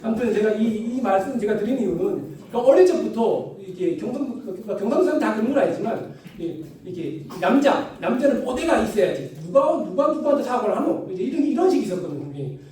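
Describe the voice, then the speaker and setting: Animated, fast-talking male preacher. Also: sits high. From Yeongju, North Gyeongsang, Korea. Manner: animated, asks the congregation for agreement again and again. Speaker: lay preacher. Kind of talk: sermon with humorous anecdotes. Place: church hall. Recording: echoey church hall, distant mic.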